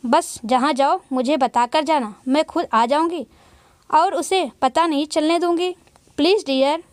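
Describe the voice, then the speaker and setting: A woman's voice: high voice, unhurried, no echo. A woman voicing an anxious, determined young wife in a storybook reading, pleading and worried.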